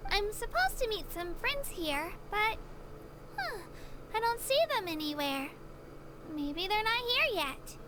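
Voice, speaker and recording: A woman voicing a shy, earnest young woman in a video game, who speaks gently and a little unsure of herself. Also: very high voice, sing-song, slow, very noisy, exaggerated voice. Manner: gentle, a little self-doubting.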